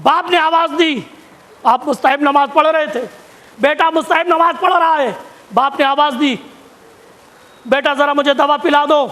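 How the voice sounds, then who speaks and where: A man preaching a sermon, repeating phrases for emphasis and rising to shouts at key points. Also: extremely high pitch. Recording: long hall reverb.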